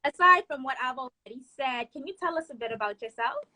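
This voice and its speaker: A young woman in her 20s from the Bahamas hosts a live chat over a phone livestream, with faint noise in the background. Her voice is high-pitched, bright, pushed and fast, with lively intonation, and she's upbeat as she reads sponsor plugs and puts questions to her guest.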